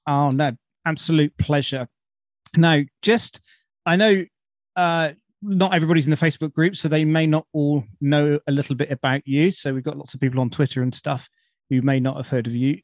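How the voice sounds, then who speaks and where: A man's voice: a little high, steady tone, normal speed, no room sound, clean studio sound. A British man hosting a podcast in an informal, enthusiastic, chatty way. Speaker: podcast host. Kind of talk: casual chat.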